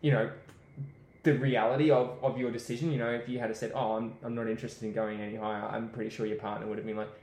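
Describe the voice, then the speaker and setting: An easygoing, upbeat guest interviewer questions podcast hosts, often dropping in "you know." His mid-range voice is darkish and flat, moving fast, and the room is roomy and echoey.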